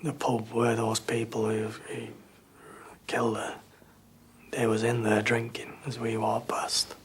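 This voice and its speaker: A bereaved father speaking in a halting, plain-spoken way in a documentary interview. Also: mid-range voice, completely flat delivery, husky.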